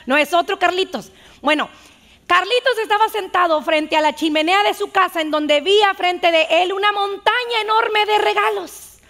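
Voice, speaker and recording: Lady pastor preaching, high voice with gravel, chatty, tells stories. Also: moderate pace. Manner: chatty, animated storytelling. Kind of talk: sermon.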